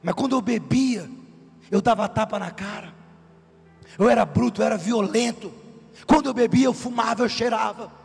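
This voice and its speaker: A man preaching a testimony sermon, emphatic and sometimes shouting, asking the congregation questions. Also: sits high, moderate pace, vocal fry, long pauses, breathy edge, in a large hall, faint music behind.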